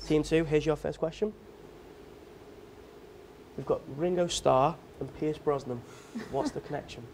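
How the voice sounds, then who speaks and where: A man's voice: fairly high pitch, measured pace, darkish tone, a little hiss or hum. A young man hosting a staged quiz show, with upbeat, teasing presenter patter. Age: young adult.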